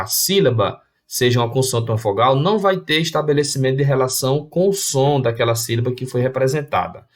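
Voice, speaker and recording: A man, teaching a recorded video lesson in an explanatory way, with restarts and fillers. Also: medium pitch.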